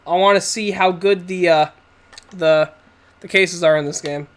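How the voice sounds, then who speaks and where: A Twitch streamer with a nasal, stuffed-up voice chats to viewers while gaming, rambling and laughing a lot. The voice sits in the mid-range, with fairly even intonation and a measured pace.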